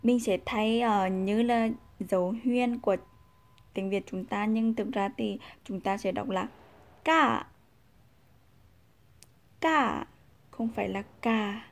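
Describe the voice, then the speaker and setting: A woman whose first language is Vietnamese teaches a casual language lesson at a slow, unhurried pace. She talks patiently, with a voice neither high nor low, repeating example sounds and pausing with soft fillers. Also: steady tone.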